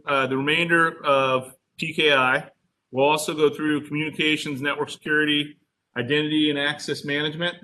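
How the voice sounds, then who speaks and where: A man's voice: a little high, sharp tone. A man teaching an online class as instructor in a casual, conversational, explanatory way.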